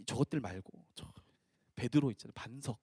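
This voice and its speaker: A man's voice: mid-range voice, a little mellow, husky, no room sound, clean studio sound, voice pushed down. A male pastor voicing a brash, impulsive male disciple who scolds and wheedles without thinking first. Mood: pushy scolding. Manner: wheedling, scolding, talking fast without filter.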